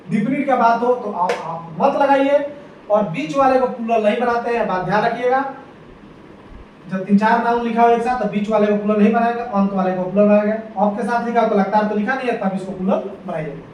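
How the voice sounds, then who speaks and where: High-voiced male teacher in echoey room. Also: fairly quick. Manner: repeats key points with frequent check-ins. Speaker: English grammar teacher. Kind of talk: exam-prep lesson. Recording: echoey room, distant mic, faint noise.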